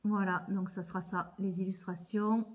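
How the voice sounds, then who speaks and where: Speaking in a flat, mid-range voice at a moderate pace, a woman vlogger who covers tarot and oracle cards chats casually about her tarot deck haul. Her talk is thinking aloud, with frequent hesitant word repetitions.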